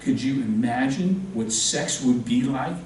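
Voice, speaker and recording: A man's voice: mid-range voice, unhurried, darkish tone, a little hiss or hum. A man teaching a real estate class, joking and quizzing the students as he lectures. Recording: very echoey room, distant mic.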